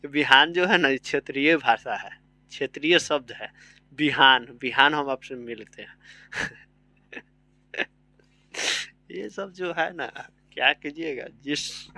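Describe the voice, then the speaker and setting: A man's voice: medium pitch, bright, forceful tone. A man, teaching a casual vocabulary lesson, chatty, spelling words out letter by letter and often checking that students follow. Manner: keeps repeating "samajh rahe na".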